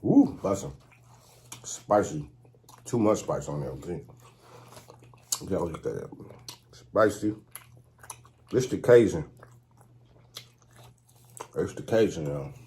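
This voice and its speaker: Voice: low voice, takes it slowly, long pauses, slight background noise. A mukbang host chatting casually to viewers while eating and tasting food. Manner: relaxed, addresses viewers as "y'all".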